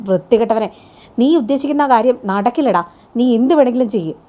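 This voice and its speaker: A woman's voice: on the high side, animated, fast, dark tone, pitched above the performer's own voice, close to an everyday voice. A woman voicing an indignant young woman who answers sharply and scolds in a serial retelling.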